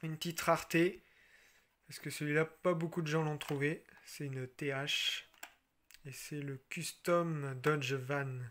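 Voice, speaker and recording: A man from France casually showing his toy car collection, chatty and relaxed, with frequent fillers and restarts. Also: fairly high pitch. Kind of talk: casual show-and-tell.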